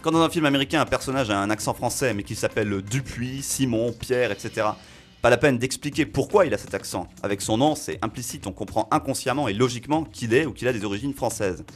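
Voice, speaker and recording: A man reviewing a film on a local radio show, talking in an animated way with fillers as he works through his points. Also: medium pitch, fast, faint music behind. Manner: animated, reasoning aloud with fillers. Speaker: film critic.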